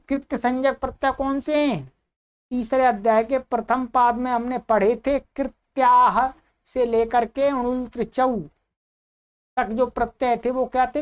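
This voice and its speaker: A woman giving a grammar lesson, asking and answering her own questions and reciting examples slowly. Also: high voice, darkish tone. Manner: slow, drawn-out recitation of Sanskrit examples. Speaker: Sanskrit grammar teacher. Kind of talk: explanatory lesson.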